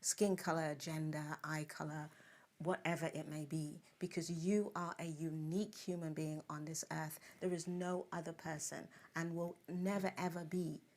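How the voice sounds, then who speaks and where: A woman's voice: deep voice, steady tone, normal speed, darkish tone. A woman speaking as a panelist on an online discussion, upbeat and encouraging. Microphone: video call.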